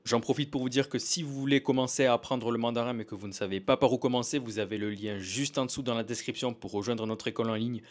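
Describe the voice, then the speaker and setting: Fast-talking man reading a promo. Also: fairly even intonation. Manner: smooth, rehearsed sales pitch. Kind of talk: scripted promo read.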